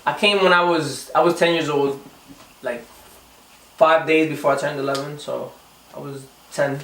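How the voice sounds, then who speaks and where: A man's voice: on the high side, steady tone, moderate pace, a bit bright, roomy sound, far from the mic, a little hiss or hum, rough recording. A young man from the Dominican Republic, a singer answering interview questions casually, often restarting and repeating words. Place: recording studio.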